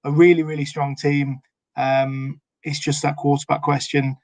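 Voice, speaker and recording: A man's voice: a little high, level tone, normal speed, a little mellow, no room sound. A man co-hosting a casual sports podcast chat, hesitant with many fillers and restarts. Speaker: podcast co-host.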